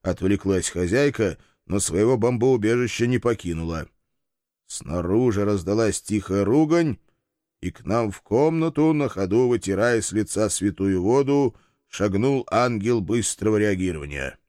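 A man's voice: fairly low pitch, lively intonation, normal speed, warm tone, dry recording, clean studio sound. Man narrating a wry audiobook. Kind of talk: first-person audiobook narration.

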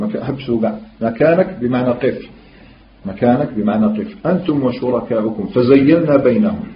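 A man's voice: mid-range voice, slight background noise. A man giving a religious lesson, explaining as he goes, asking rhetorical questions and mixing formal speech with everyday dialect. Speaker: religious teacher. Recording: roomy, dull lo-fi recording.

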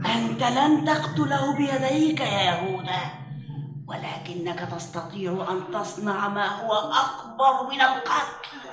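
A woman's voice: fairly high pitch, animated, measured pace, crowd noise. A woman playing a sinister, commanding mother in a radio drama, menacing and incantatory. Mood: sinister scheming. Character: sinister, commanding mother haunting her weak son, urging murder. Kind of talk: Arabic religious radio drama acting. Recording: echoing voice over loud music.

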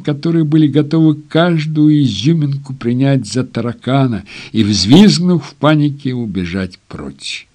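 A man reading an audiobook aloud at an ordinary middle pitch. His narration is steady and scripted, with lively rises on descriptive passages.

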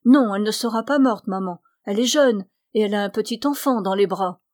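A woman voicing an unhurried, plain-spoken young wagon driver in a storybook reading. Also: mid-range voice, a little mellow, dry recording, studio quality, natural voice. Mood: reassuring.

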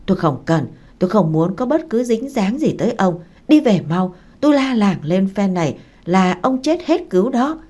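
A woman's voice: medium pitch, big pitch swings, normal speed, dark tone. A woman voicing a fierce, defiant young wife who scolds sharply. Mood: angry.

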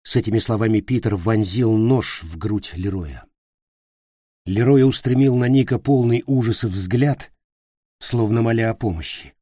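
A man reading fiction aloud as an audiobook narrator, slow and deliberate. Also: on the low side, warm tone, no echo, studio quality.

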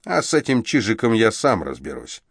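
A man voicing a tough, nimble male dwarf who answers curtly and gruffly. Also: fairly low pitch, big pitch swings, moderate pace, fairly bright tone, dry recording, studio quality, exaggerated voice. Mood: commanding. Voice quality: curt, gruff, speaks through teeth.

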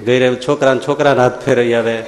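Monk preaching in an echoing hall. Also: male voice, medium pitch, fast, crowd noise. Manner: folksy storyteller, rising to animated exclamations. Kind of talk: storytelling sermon. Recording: echoey long hall reverb.

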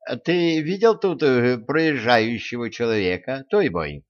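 A flustered male merchant blurts out his guesses in a thin, high voice, as a male reader puts him on. He stumbles and corrects himself in a hurry. The recording is dull and lo-fi. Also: expressive, measured pace, close to an everyday voice.

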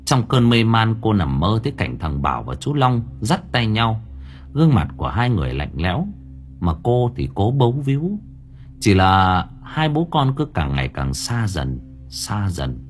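A man narrating a horror audio story in a dramatic, expressive way. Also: lowish voice, normal speed. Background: faint background music.

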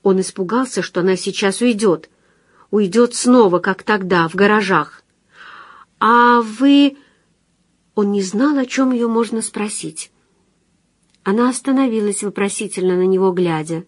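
A woman reading a novel aloud with calm, steady storytelling. Her voice sits in an ordinary middle pitch, recorded close and dry with no room sound. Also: moderate pace, no room sound. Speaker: audiobook narrator. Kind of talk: scripted literary narration.

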